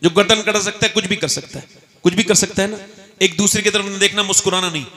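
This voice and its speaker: A man preaching an impassioned religious sermon at a gathering, swinging between loud cries and hushed pleas. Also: high voice, fairly even intonation, quick pace.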